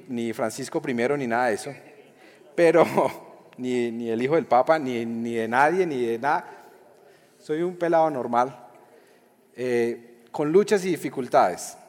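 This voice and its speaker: A young man delivers a sermon in a fairly high voice. He talks casually and jokes with the congregation. The voice rings with the long reverb of a large hall. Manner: lively, joking, conversational preaching with acted-out quotes. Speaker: pastor.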